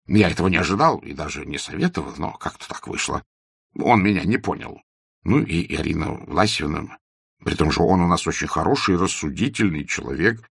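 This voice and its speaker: A man's voice: low voice, gravelly, a bit bright, husky, no room sound, clean studio sound, full character voice. A man voicing a talkative old country doctor in his sixties, a doting father who rambles in flowery phrases. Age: 60s.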